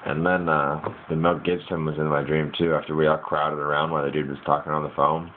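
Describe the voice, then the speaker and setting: A very low-pitched man rambles casually through a dream, sounding hazy and puzzled as he pieces it together. His wording is loose and slangy. The recording is muffled and lo-fi, with some background noise. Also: little pitch movement, a little fast. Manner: informal slangy speech with mild swearing. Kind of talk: casual rambling first-person dream recounting. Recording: muffled lo-fi mic with hiss.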